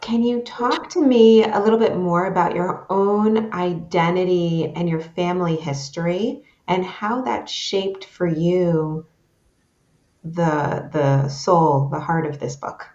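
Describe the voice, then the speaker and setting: Slow, soft-spoken woman host in a roomy space. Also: lowish voice, muffled recording. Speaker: podcast host. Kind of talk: interview questions.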